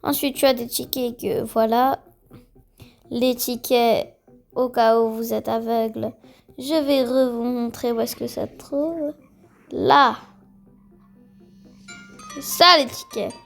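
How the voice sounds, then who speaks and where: A woman talks through a game in a loose, chatty way. Her voice sits a little high and has a gravelly, creaky edge. Faint music plays behind her. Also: fairly even intonation, slow pace, pauses often, rough recording. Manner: chatty and rambling, full of fillers, drops in English words. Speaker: gaming video creator. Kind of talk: casual gameplay commentary.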